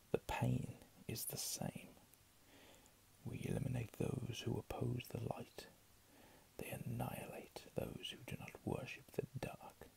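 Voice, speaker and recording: A man reading under his breath in a hushed ASMR whisper, with casual murmured asides. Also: mid-range voice, gravelly, low-quality recording. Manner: slow, hushed delivery. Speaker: ASMR reader.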